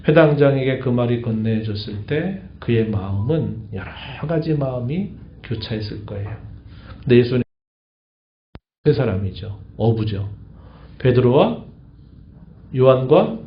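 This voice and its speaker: A man preaching a Wednesday evening church sermon as the pastor. He explains scripture in a teaching tone and asks the congregation questions, then answers them himself. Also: medium pitch. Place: church sanctuary. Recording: echoey church, dull lo-fi sound.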